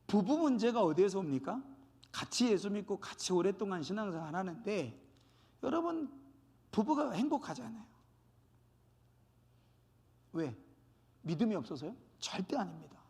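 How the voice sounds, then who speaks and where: A male pastor preaching a sermon, animated and acting out quoted dialogue. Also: high voice, long reverb tail. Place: church sanctuary.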